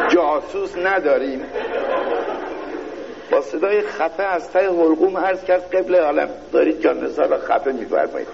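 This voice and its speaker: A man's voice: medium pitch, a little mellow, lo-fi sound. Man reading a mock-pompous satire. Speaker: reader of a satirical piece. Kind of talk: satirical reading in mock-royal court Persian.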